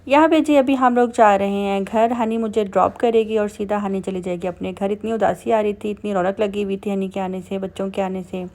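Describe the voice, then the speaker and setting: A woman's voice: medium pitch, steady tone, brisk, hardly any pauses, darkish tone. A woman with a Pakistani Urdu accent, narrating her day in a chatty, casual vlog voice-over full of fillers. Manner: chatty, filler-heavy storytelling. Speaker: vlogger.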